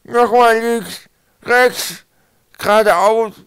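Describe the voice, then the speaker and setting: A man's voice: very high-pitched, fairly bright tone, clean tone, dry recording, pitched above the performer's own voice, heavily acted, poor audio. A man voicing a swollen, miserable boy who mumbles as if his mouth were full. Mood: directing. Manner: slow, drawn-out, pleading.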